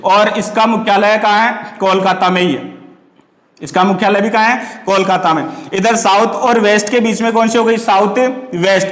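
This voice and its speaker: A man with a fairly high voice teaches a class in a question-and-answer rhythm. He drills his students, repeating each answer and spinning wordplay into memory tricks. The recording has a roomy echo with a long reverb tail, as in a bare classroom. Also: steady tone, moderate pace, fairly bright tone. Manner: asks questions and answers them himself, repeating key words.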